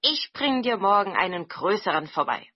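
A woman's voice: mid-range voice, big pitch swings, moderate pace, breathy edge, highs cut off. A woman voicing a forgetful, kindly male goblin spirit in a storybook reading, with a cheerful, absent-minded manner.

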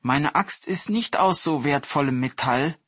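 A man putting on a humble, honest woodcutter, speaking in a lifted, eager voice that is bright but husky. He sounds sincere and open. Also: fairly high pitch, a little slow, no room sound, voice pushed up. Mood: earnest. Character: honest poor male woodcutter, humble and earnest.

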